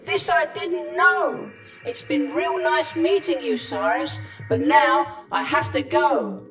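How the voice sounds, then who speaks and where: Man putting on a small excitable satellite boy, high voice, leaping pitch, children's storybook. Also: takes it slowly, soft background music, exaggerated voice. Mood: worried. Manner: excitable, shouting. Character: small cheerful boyish satellite robot.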